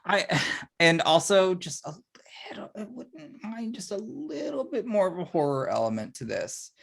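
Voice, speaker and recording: A man co-hosting a podcast in casual chat, relaxed, often sighing and dropping into a murmur. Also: high voice, normal speed, gravelly. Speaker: podcast co-host.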